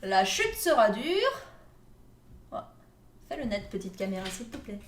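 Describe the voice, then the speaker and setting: A woman with a mid-range, very animated voice hosts a live tournament pool draw at an unhurried pace. She's playful, laughs often and jokes with viewers in casual live-stream commentary. The room is echoey, with faint background noise.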